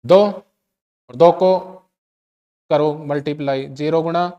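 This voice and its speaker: Clear-voiced Hindi-speaking male chemistry teacher. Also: fairly high pitch, slow, highs cut off. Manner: repeats key points, quizzes students with rhetorical questions. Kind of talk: classroom lecture.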